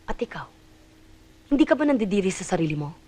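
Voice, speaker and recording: A woman's voice: mid-range voice, very animated, fast, a little mellow. An actress playing an anguished mother fighting to keep her son, with intense, emotional delivery in a film drama. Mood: scornful.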